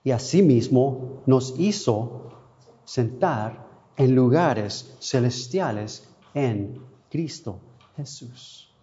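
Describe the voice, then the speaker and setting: A man preaching a sermon, emotional, swinging between soft, quiet passages and sudden louder cries, with long pauses. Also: mid-range voice, expressive. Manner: non-native Spanish, asks how to say a word. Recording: dull lo-fi sound.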